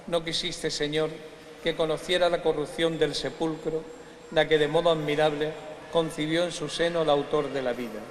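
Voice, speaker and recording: A man, a priest solemnly reciting the liturgy of the Mass in measured, formal phrases. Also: on the high side. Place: large reverberant church. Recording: echoey church, long reverb, background noise.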